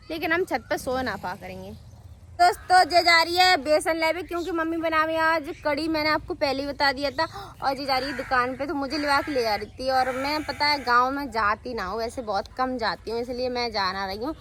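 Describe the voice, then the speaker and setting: A woman's voice: high voice, pushed and bright, slight background noise. A young woman vlogging casually from her village home, chatting to her viewers as friends. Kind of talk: casual vlog narration. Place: village home, rooftop and fields, outdoors.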